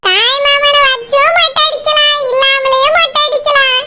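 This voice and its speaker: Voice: very high voice, fairly even intonation, normal speed, full character voice. A performer voicing a chatty village woman in a cartoon, with a Kanyakumari Tamil accent. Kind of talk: cartoon voice acting. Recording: loud background noise.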